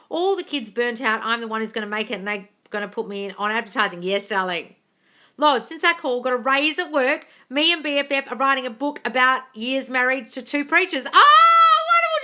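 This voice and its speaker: Streaming from her phone, this English manifesting coach speaks in a high-pitched, pushed, bright voice. She goes through live chat questions by reading comments out and replying bluntly, freely swearing and addressing viewers as darling.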